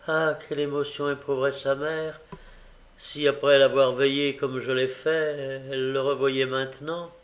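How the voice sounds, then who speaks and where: A man doing a gentle, motherly old lady. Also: medium pitch, little pitch movement, normal speed, lightly acted. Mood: tender. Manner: soft, tender, motherly. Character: kind gentle elderly woman nurse. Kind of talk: audiobook character reading.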